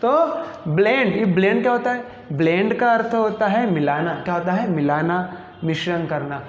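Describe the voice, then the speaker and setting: A man's voice: high voice, normal speed. A male teacher giving a classroom lesson, who asks a question and then answers it himself. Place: classroom with a board. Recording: echoey, dull lo-fi room sound.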